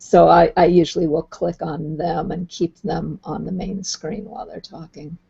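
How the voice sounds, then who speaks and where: A woman hosting a video call, patiently explaining how the software works and thinking aloud as she goes. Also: lowish voice, little pitch movement, moderate pace, creaky, husky. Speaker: host. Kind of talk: casual explanatory chat. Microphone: computer mic on a video call. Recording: dull lo-fi online call audio.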